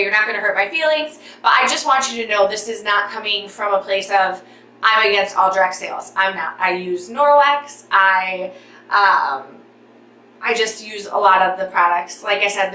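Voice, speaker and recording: Animated young woman venting in echoey room. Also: medium pitch, far from the mic. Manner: talks with her hands, getting worked up and out of breath. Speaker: vlogger. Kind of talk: animated storytime vlog. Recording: echoey room, voice a bit off-mic.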